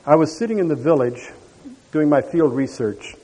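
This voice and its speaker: A man's voice: a little high, expressive, normal speed, dark tone. A man giving an earnest public talk at a church gathering, telling stories with wandering asides. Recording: long reverb of a large hall.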